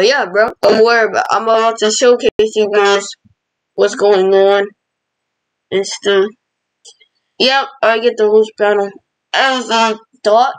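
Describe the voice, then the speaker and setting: A woman's voice: mid-range voice, dry recording, low-quality recording. A woman giving live gameplay commentary as a channel host, dramatic and exasperated, talking in casual slang.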